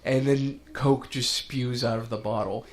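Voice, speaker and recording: A man commentating on a video game playthrough in a casual, rambling way, getting animated as he retells a story. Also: mid-range voice, unhurried. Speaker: let's play commentator.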